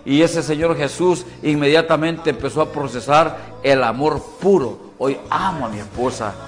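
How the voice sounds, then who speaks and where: A middle-aged man giving a personal testimony at a men's church event, swinging from loud outbursts to hushed confession. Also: on the high side, moderate pace, soft background music.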